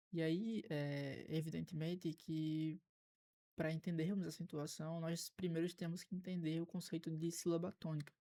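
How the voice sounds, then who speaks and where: A Brazilian man teaches an exam-prep grammar lesson in a warm, mellow voice. He lays out each rule step by step, restating the key points. He fills his pauses with short hesitation sounds. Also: on the high side. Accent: Brazilian Portuguese. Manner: didactic, methodical, repeats key points with filler "é" pauses. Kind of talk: recorded online lesson.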